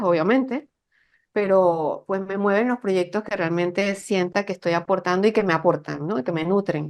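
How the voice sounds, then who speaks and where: A middle-aged woman with a Venezuelan accent, a guest consultant explaining her work in an interview, often checking in with "¿no?" and "¿sí?". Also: fairly low pitch. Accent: Venezuelan Spanish. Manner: explanatory, with frequent "¿no?" and "¿sí?" tags. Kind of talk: conversational interview.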